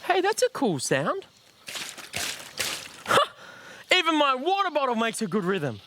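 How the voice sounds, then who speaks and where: Very animated Australian man presenting for children. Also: very high voice, a little slow, noisy background. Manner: exclamatory, animated. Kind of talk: playful musical presenting to children. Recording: loud music under the voice. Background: music.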